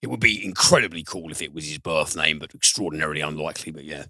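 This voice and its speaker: A British man co-hosting a casual film podcast, bantering with jokes and swearing, with loud laughs. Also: a bass voice, quick pace, dry recording. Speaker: podcast co-host.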